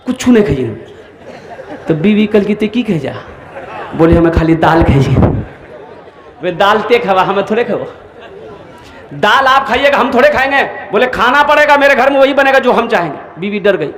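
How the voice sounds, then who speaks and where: A man's voice: high-pitched, a bit bright, echoey room. A man, a maulana, preaching a humorous sermon full of acted anecdotes and dialect voices. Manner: storytelling, voices characters in dialect.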